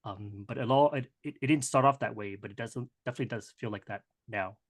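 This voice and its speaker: A man in his thirties, from Hong Kong and raised in Canada, answers interview questions in a conversational way, often restarting his sentences. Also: medium pitch. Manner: conversational, halting with many restarts and fillers. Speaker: guest entrepreneur.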